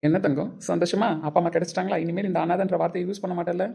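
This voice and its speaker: A woman voicing a calm, kindly young husband in a homemade family drama, speaking gently and teasingly. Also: fairly low pitch, very fast, vocal fry, husky, voice pushed down, exaggerated voice.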